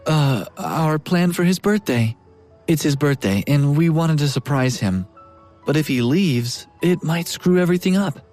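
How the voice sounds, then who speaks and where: Man voicing a pushy, fake-friendly young schemer; smooth, coaxing tone. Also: fairly high pitch, expressive, unhurried, darkish tone, soft background music, voice pushed up.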